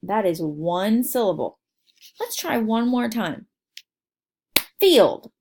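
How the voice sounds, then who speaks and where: A woman teacher giving a phonics lesson to young learners, sounding out words slowly and clearly and encouraging them. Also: medium pitch, lively intonation, mellow, a little hiss or hum.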